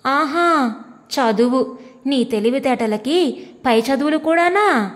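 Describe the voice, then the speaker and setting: A lady doing a sneery husband who keeps scolding, high voice, long hall echo. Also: expressive, takes it slowly. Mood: scornful. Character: scornful, mocking husband, a grown government clerk.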